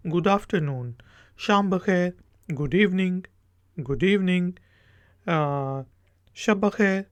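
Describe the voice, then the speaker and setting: Guy teaching a beginner language class, talks really slow and repeats every phrase, dry close sound. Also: high voice, no room sound. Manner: repeats each phrase slowly for learners. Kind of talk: language lesson.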